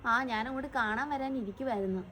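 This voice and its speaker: A woman's voice: a little high, fast talker, a little hiss or hum, close to an everyday voice. A woman playing a cheerful, newly married younger sister in a home-made comedy skit. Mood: chatty.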